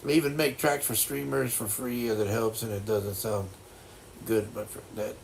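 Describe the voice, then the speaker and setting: A man in his sixties chatting casually as a livestream host, with a blocked-nose sound and a halting, reflective, folksy way of reassuring people. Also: on the low side, little pitch movement, creaky, a little hiss or hum. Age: 60s. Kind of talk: casual chat.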